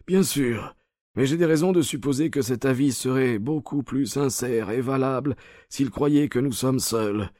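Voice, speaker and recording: A feverish detective from a radio play, played by a man, weak-voiced yet sharp-witted. He speaks at a middle pitch. The recording is dry and close. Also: measured pace, no echo, natural voice. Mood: urgent. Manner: weak voice, commanding when roused. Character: feverish ailing male detective, cunning.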